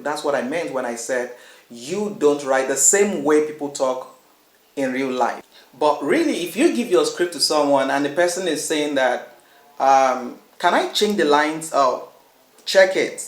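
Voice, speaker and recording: A man's voice: mid-range voice, poor audio. A man teaching screenwriting in a casual, rambling way, often checking in with his listeners and restarting his phrases. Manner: repeats "you understand?" often, restarts phrases. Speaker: film writing instructor. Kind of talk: casual instructional talk.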